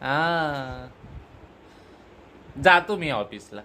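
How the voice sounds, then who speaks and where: A young father playfully teasing his small daughter at home, asking the same questions again and again in a gentle, coaxing way. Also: fairly high pitch, lively intonation, extremely slow, very noisy.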